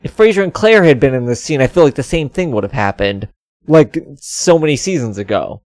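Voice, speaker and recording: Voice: mid-range voice, animated, a little fast, a little mellow, no room sound, studio quality. A podcast co-host chatting casually about a TV episode, rambling with lots of "like" and frequent laughs. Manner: rambling, heavy on "like," laughs often. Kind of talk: casual chat reviewing a TV episode.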